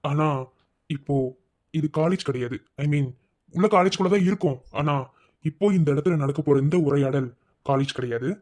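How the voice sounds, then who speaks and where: A man voicing a calm, firm male college lecturer in a cartoon, speaking in a steady, lecturing way. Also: fairly high pitch, normal speed, pauses often, close to an everyday voice. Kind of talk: cartoon voice acting.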